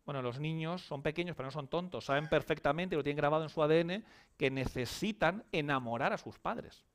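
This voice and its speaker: Male speaker, fairly high voice, emphatic lecture style, poses questions and answers them himself. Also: fairly quick. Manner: emphatic, asks and answers his own questions. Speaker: psychologist giving a conference talk. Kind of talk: conference lecture. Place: conference hall.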